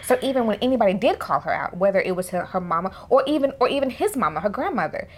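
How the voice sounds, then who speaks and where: Woman co-host, mid-pitched voice, animated, acts out characters' lines. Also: fast talker. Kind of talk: casual reaction chat.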